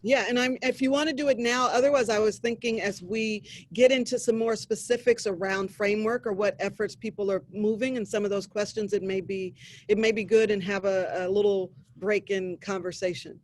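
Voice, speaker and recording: A man's voice: high voice, steady tone, a little fast. A man moderating a panel discussion on a video call, introducing speakers in a rambling way.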